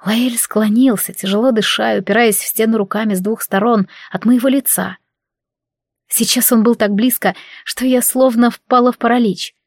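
A woman reading a first-person romance audiobook in an emotive, measured way. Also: on the high side, fairly even intonation, no echo, clean studio sound. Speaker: audiobook narrator.

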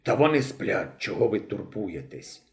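A man reading aloud and voicing a gloomy old male railway watchman with a hoarse, quiet voice. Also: fairly low pitch, big pitch swings, normal speed, voice pushed down.

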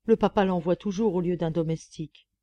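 A woman's voice: fairly low pitch, a little fast, mellow, no echo, muffled recording, lightly acted. Woman reading as a gossipy pampered lapdog. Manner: chatty, confiding, mocking. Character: gossipy pampered female lapdog writing letters. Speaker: audiobook reader. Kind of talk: audiobook narration.

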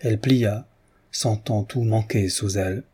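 Male audiobook narrator, steady and measured, husky low voice. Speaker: audiobook reader.

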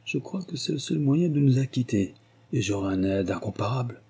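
A man reading an audiobook voices a middle-aged prince, a scholarly father speaking gently and low. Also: animated, fairly quick, slightly rough. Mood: gentle.

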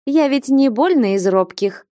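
A woman's voice: high voice, expressive, unhurried, warm tone, dry recording, studio quality, pitched above the performer's own voice. A woman voicing a bold, teasing young woman novice in a storybook reading.

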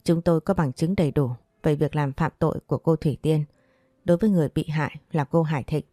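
A woman's voice: low-pitched, fairly even intonation, fast talker, mellow, no echo, clean studio sound, soft background music. A woman reading the lines of a stern male police officer in an audio story, speaking coldly and formally.

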